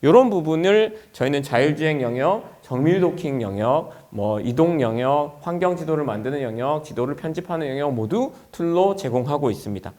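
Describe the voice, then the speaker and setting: Speaking like a company executive at a forum, a man gives a product presentation, laying things out clearly point by point for a business audience. His voice sits fairly high for a man, with very lively intonation. He talks fairly quickly and hardly pauses.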